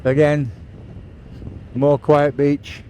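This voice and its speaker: A man's voice: a little high, level tone, very slow, darkish tone, a little hiss or hum. A man with an English accent giving chatty, matter-of-fact tour-guide commentary for a casual vlog, recorded outdoors while riding a scooter. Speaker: motovlogger. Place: outdoors, riding a scooter along a beach road.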